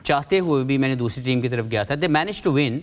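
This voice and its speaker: A man's voice: mid-range voice, expressive, moderate pace. Earnest male cricket pundit. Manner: earnest, explanatory, mixes in English phrases. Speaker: cricket expert panelist. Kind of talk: studio analysis chat.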